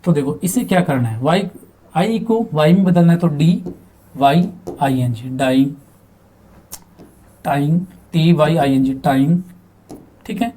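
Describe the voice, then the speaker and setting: Male teacher, mellow and fairly high voice, patient classroom explaining, spells out words. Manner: explains slowly, spells words letter by letter, asks and answers his own questions. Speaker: English teacher. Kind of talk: spoken grammar lesson at a board.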